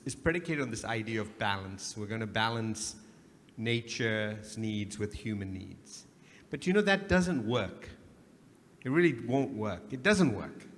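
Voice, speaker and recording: A man from Sri Lanka speaking on a conference panel, arguing emphatically and posing rhetorical questions. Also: medium pitch. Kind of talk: panel discussion. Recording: reverberant conference hall, faint hum.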